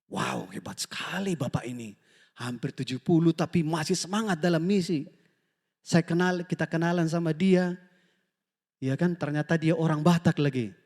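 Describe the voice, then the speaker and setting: Male pastor, high voice, animated sermon delivery, reverberant church hall. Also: normal speed. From Indonesia. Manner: lively preaching, often asks the congregation for amen; animated storytelling, acts out quoted dialogue.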